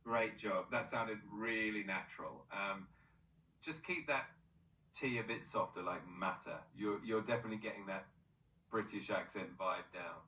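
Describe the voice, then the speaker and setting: Upbeat bright male AI voice assistant. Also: fairly low pitch, normal speed, roomy sound, far from the mic, slight background noise, rough recording. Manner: upbeat, encouraging, praises often. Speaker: AI pronunciation coach. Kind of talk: voice assistant coaching.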